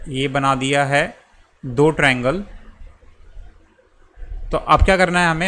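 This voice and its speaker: Young male tutor, patient step-by-step explainer, slightly raised pitch. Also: a bit bright. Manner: patient, repeats and checks with "theek hai". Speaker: maths teacher. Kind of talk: explaining a geometry proof step by step.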